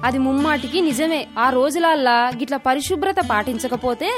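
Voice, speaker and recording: A woman plays a warm, caring middle-aged village aunt in a radio drama, speaking Telangana-accented Telugu over faint background music. Her high, motherly voice is animated and brisk as she coaxes, questions gently, and explains with patience.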